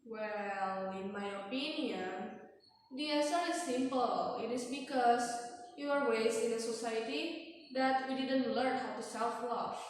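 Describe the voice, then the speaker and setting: A teenage young woman with an Indonesian accent delivers a memorized competition speech in a stiff, rehearsed way, with deliberate emphatic pauses. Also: on the high side. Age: teens. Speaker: student speech contestant. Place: large echoey indoor room. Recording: echoey hall from far off, faint noise.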